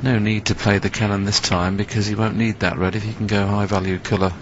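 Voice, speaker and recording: A man's voice: on the low side, little pitch movement, fast talker. A man giving analytical, conversational live commentary on a snooker match. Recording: muffled broadcast with background noise.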